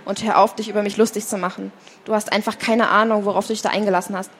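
A woman voicing a frantic, shrill woman at a live reading of a novel, her lines louder than the narration. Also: little pitch movement, fast talker, a little hiss or hum, natural voice. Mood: angry. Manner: panicked, pleading, then screaming. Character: frantic dark-haired woman, shrill and commanding. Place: book fair stand, indoors.

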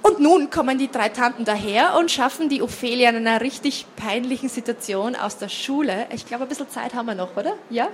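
A woman's voice: fairly high pitch, brisk, few pauses, a little hiss or hum. A woman at a reading, casually explaining the story to her audience in a chatty way. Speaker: reader.

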